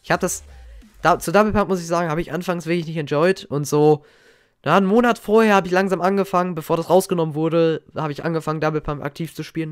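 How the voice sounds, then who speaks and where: A young man giving casual, slangy reaction commentary as a gaming YouTuber, excitable and reminiscing. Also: a little high, smooth, dry recording, clean studio sound. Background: faint game music.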